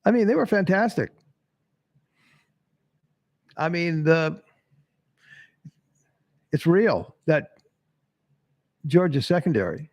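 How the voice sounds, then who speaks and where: A high-pitched man drawling through his commentary at an unhurried pace. He talks bluntly, cusses freely and chuckles at his own stumbles. The sound is close and dry, with no room around it. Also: sing-song, no echo. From Tennessee. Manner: blunt, swearing, laughing at himself. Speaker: sports podcast host. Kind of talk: casual live-stream commentary reading chat.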